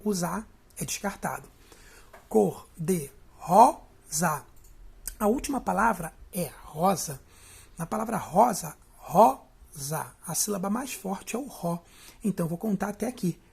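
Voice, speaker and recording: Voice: mid-range voice, lively intonation, moderate pace, creaky, breathy edge. A teacher with a Brazilian Portuguese accent giving a step-by-step video lesson, often checking in with the listener.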